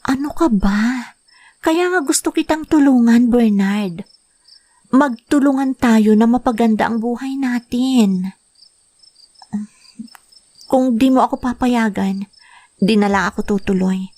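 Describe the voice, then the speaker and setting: In a radio drama, an actress plays a young wife and mother who wants to work abroad to help her family, speaking gently and earnestly. Her voice is a little high, she takes it slowly with long pauses, and there is no room sound.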